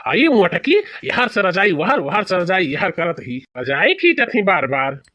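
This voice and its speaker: A man puts on a high, very animated voice at a measured pace, pushed and bright, heavily acted and recorded dry. He plays a thin, complaining old village husband in a cartoon, whining and grumbling in rustic dialect.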